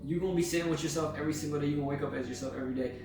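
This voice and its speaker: A man's voice: fairly high pitch, fairly even intonation, rapid-fire. A young man giving a blunt, slangy, casual self-help talk, swearing freely. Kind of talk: casual motivational monologue. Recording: very echoey room, mic at a distance, music behind.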